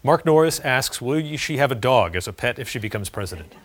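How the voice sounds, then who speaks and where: A man's voice: mid-range voice, expressive, brisk. Conversational male interviewer, follow-up questions.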